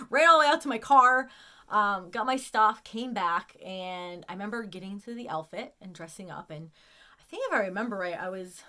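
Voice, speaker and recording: A woman's voice: medium pitch, pushed and bright. A woman telling a personal story to the camera, emotional and close to tears, often repeating words as she goes. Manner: emotional, near tears at times. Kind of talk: casual storytelling.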